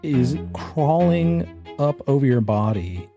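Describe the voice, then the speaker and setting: A man with a medium-pitched voice speaks slowly and in a sing-song way while music plays behind him. He's the game master of a tabletop horror game, telling the player directly what happens to "you." The talk blends suspenseful narration with relaxed rules talk.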